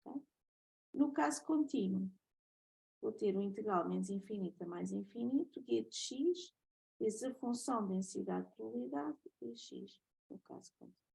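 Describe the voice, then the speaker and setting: Husky, creaky-voiced woman lecturer. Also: fairly high pitch, animated, normal speed, a little mellow, poor audio. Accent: European Portuguese. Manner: methodical, checks in with "ok?" often. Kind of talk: recorded math lecture.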